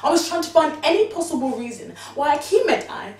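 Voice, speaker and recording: An actress playing a young married, pregnant woman, animatedly recounting events to her mother, at times exclaiming and at times hushed. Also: sits high, sing-song, brisk. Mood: worried. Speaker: daughter confiding in her mother. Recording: distant, roomy sound with faint background noise.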